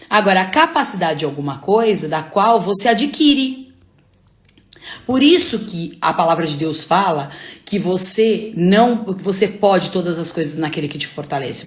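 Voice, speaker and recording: Emphatic Brazilian woman, roomy echo. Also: lowish voice. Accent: Brazilian Portuguese. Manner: emphatic, repetitive rhetorical questions. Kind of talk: faith-based motivational talk.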